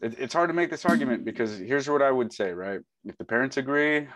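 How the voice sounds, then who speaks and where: A man joining a casual debate over a video call, blunt and profane, reasoning out loud with restarts. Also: mid-range voice, lively intonation, fast, no room sound.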